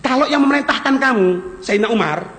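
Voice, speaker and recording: A man with a Javanese accent giving a sermon as a lively storyteller who mixes in local words, recorded in a prayer hall. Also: very high voice, fast. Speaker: preacher.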